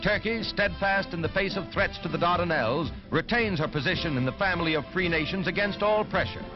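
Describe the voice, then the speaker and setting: Guy doing old newsreel narration, high punchy announcer voice, dull lo-fi film sound with music under it. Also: a little fast. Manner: dramatic, emphatic announcer delivery.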